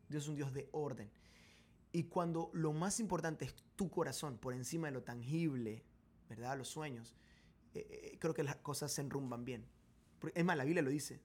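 A man in a casual faith podcast chat, thinking aloud with many fillers and asides. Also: a little high. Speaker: co-host.

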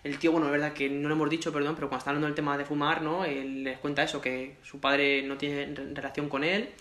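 A man's voice: fairly high pitch, flat delivery, fast, a bit bright. A man with a Spain Spanish accent, casually chatting about a film as co-host and peppering his talk with swearing and tag questions. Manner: chatty, swears freely, lots of "¿no?". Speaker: podcast co-host. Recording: echoey room.

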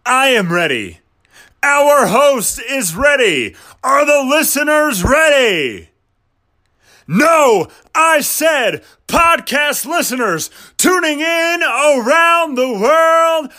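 A man giving a drawn-out, booming boxing ring announcer introduction for a podcast host. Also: big pitch swings. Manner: drawn-out booming delivery with shouted calls.

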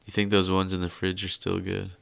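A man's voice: sits low, completely flat delivery, fairly quick, gravelly, fairly bright tone. A young man co-hosting a podcast, chatting in a laid-back, joking and profane way. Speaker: podcast co-host. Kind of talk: casual chat.

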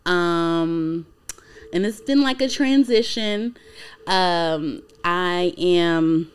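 A woman's voice: sits low, clean tone. A woman in her twenties co-hosting a casual podcast, talking in a loose, rambling way full of likes and ums. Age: 20s. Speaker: podcast co-host.

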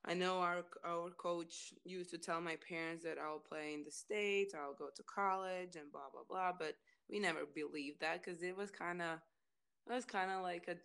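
A woman with a Latvian accent speaks in a low, smooth voice. She talks freely in a casual interview, repeating words as she looks for the next one. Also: fairly even intonation, moderate pace, a bit bright. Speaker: interview guest, former college basketball player.

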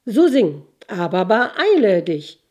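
A woman's voice: fairly high pitch, expressive, measured pace, warm tone. Woman voicing a stern, commanding sorceress princess.

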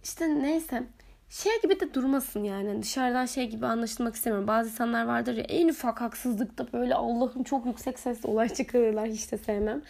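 Young woman, podcast host, hoarse voice, slightly high, chatty storytelling. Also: fairly even intonation, a little fast, darkish tone. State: hoarse, recovering. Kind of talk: casual solo podcast talk.

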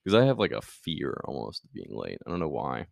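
A young man with a very deep, gravelly voice. He chats casually and in an easygoing way, often hedging what he says. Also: huge pitch swings, brisk, darkish tone, no room sound, studio quality. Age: young adult. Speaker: podcast co-host. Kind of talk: casual chat.

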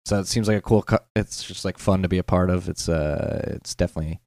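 A man with a very deep voice and a gravelly, fry-heavy texture. He talks as a podcast guest in a loose, unscripted way. He often hesitates and downplays what he knows, and the dry, close sound has no room echo. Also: quick pace, a little mellow. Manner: hesitant, self-deprecating, many fillers. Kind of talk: casual podcast conversation.

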